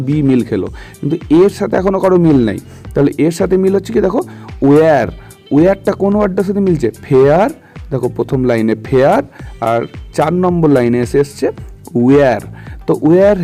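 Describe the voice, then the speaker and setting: Mellow-voiced male literature teacher. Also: fairly high pitch. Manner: explains step by step, often checks for understanding. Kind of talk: explanatory lesson. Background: faint background music.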